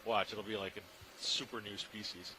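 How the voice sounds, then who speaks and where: A man's voice: fairly low pitch, flat delivery, normal speed. Man musing over noisy live dive commentary. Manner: marveling, musing. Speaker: scientist commentator on a deep-sea ROV dive. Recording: clearly noisy live control-room audio feed.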